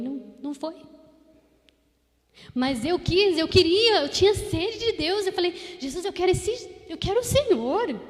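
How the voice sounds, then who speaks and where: A woman's voice: on the high side, big-room sound. A woman with a Brazilian Portuguese accent, giving a heartfelt personal testimony as a lay preacher at a prayer group and speaking straight to the congregation. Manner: fervent, heartfelt, speaks directly to the congregation with frequent tag questions.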